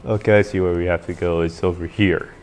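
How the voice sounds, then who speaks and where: A man with a somewhat dopey-sounding voice gives casual, halting playthrough commentary, rambling and repeating himself. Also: deep voice, fairly even intonation, darkish tone. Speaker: gameplay commentator. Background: video game music.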